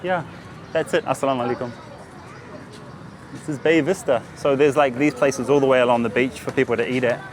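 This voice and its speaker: A travel vlogger with a medium-pitched, steady voice comments casually and briskly as he walks along a busy beachfront and nearby streets, speaking as a foreign visitor. He leaves long pauses, with some chatter in the background. Street noise and passing vehicles fill the outdoor recording.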